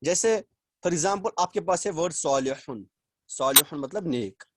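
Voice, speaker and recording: A man teaching a language class over a video call, explaining slowly, repeating words and quizzing his students. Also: fairly high pitch, lively intonation, fairly bright tone, no room sound, clean studio sound. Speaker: Arabic teacher. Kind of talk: online class lecture.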